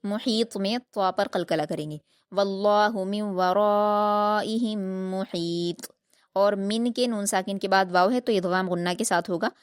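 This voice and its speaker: Lady teaching quran recitation, slow chant then quick explaining, dry close sound. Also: medium pitch, dry recording. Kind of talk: tajweed lesson, recitation alternating with explanation.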